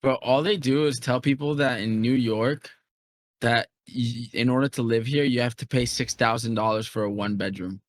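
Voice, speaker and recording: A man's voice: mid-range voice, fairly even intonation, normal speed, no room sound. A young man co-hosting a podcast in casual chat, laid-back and slangy, tossing in "bro" often. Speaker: podcast co-host.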